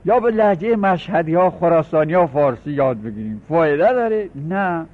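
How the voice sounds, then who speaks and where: Middle-aged iranian guy teaching a class, raised voice, slows way down to recite examples, tinny old tape sound. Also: fairly high pitch, expressive. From Iran. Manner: explanatory, repeats key words, slows to recite examples. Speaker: seminary teacher. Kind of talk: classroom lecture on Arabic grammar.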